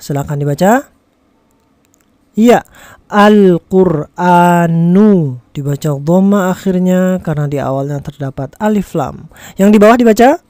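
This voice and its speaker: A teacher with an Indonesian accent giving a tutorial lesson, explaining deliberately and repetitively with frequent check-in tags and carefully enunciated example words. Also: mid-range voice, a little mellow, no room sound, studio quality. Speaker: Quran reading teacher. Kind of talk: tutorial lesson addressed to viewers.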